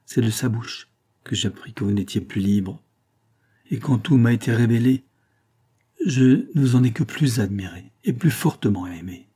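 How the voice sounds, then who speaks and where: A man reading an ardent young man who speaks earnestly and imploringly, in a low, husky voice. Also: normal speed, mellow, lightly acted. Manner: fervent, imploring.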